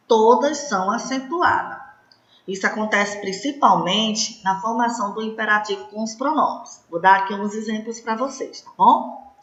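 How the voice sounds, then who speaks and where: Brazilian woman teacher, slow and patient, keeps checking in with the class; roomy, muffled recording. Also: mid-range voice, a bit bright. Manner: checks in often with short tag questions. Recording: echoey room, dull lo-fi sound.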